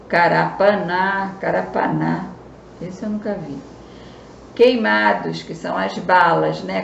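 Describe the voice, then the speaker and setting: Teaching children remotely, a woman with a Brazilian Southeast accent explains things slowly and frequently pauses to ask a quick check-in question. Her mid-range voice has vocal fry, and the roomy audio has its highs cut off, plus slight background noise.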